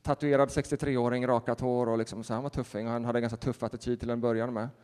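Pastor preaching in reverberant hall. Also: male voice, mid-range voice, clear, resonant tone. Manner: animated storytelling with laughter and acted-out quotes. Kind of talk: sermon.

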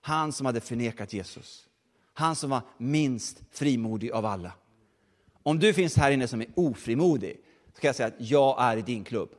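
A man preaching a sermon, telling stories with lively asides to the congregation. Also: mid-range voice, big-room sound. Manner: lively storytelling with audience asides.

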